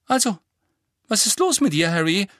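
A man reading an audiobook, voicing a clever, bossy teenage schoolgirl witch with a brisk, lecturing manner. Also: high-pitched, big pitch swings, fairly bright tone, no room sound, studio quality, voice pushed up. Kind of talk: audiobook character voice.

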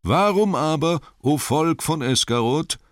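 A man voicing a sly, pompous older town mayor who makes loud, ringing speeches in an audiobook reading. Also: a little high, animated, a little slow, dry recording, studio quality, voice pushed up. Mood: indignant.

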